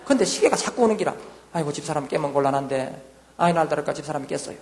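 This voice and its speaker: A man in his sixties with a Gyeongsang accent, a church deacon giving a lively testimony and acting out voices of himself and his wife. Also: a little high, quick pace, big-room sound, slight background noise. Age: 60s.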